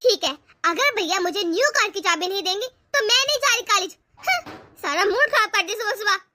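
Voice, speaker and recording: A woman's voice: very high voice, animated, a little fast, bright, forceful tone, heavily acted. A woman voicing a spoiled young college girl who wheedles and pushes to get her way, in a homemade family drama. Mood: wheedling. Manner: pleading, wheedling.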